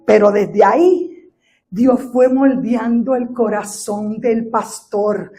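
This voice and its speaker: Woman pastor, Puerto Rican Spanish accent, high-pitched, middle-aged, sermon testimony, rises to shouting. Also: slow pace. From Puerto Rico. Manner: storytelling testimony that builds to fervent shouting.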